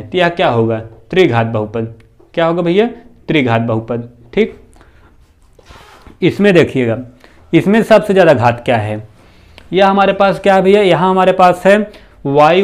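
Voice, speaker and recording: A male math teacher giving a slow, repetitive classroom lesson, posing questions to the students and answering them himself. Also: fairly high pitch. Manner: often adds "bhaiya" and "theek hai na".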